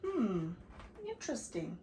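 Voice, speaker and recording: An older woman reading a picture book to her grandchildren, stopping for animated asides to young listeners. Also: mid-range voice, slow pace. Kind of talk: read-aloud story time. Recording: roomy echo, faint background hiss.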